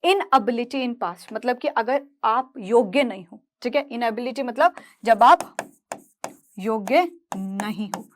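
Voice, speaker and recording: A woman's voice: a little high, expressive, slow. A young woman teacher explaining grammar step by step, often asking checking questions. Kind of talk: grammar lesson.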